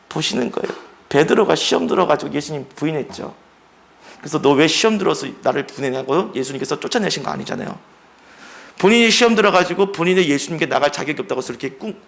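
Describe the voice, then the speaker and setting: A man's voice: fairly high pitch, gravelly, a bit bright. A middle-aged man preaching a sermon as pastor, emphatic and acting out the voices he quotes.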